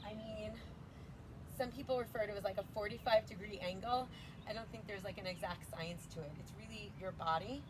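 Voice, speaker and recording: A woman's voice: mid-range voice, fairly quick, noisy background. A woman teaching a yoga flow outdoors, cueing breaths and poses in a chatty, casual way. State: slightly out of breath. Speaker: yoga instructor.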